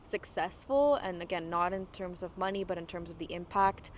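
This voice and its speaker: A woman's voice: lowish voice, moderate pace, a little hiss or hum, rough recording. A woman in her twenties from Dubai, a guest entrepreneur talking casually in an interview, full of "you know" and "like" fillers. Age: 20s.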